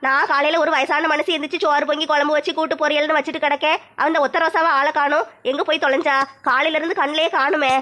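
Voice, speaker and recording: A woman's voice: sits high, little pitch movement, fast, hardly any pauses, bright, forceful tone. A woman performing a grumbling, scolding mother-in-law in a comic skit. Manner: scolding, grumbling village banter.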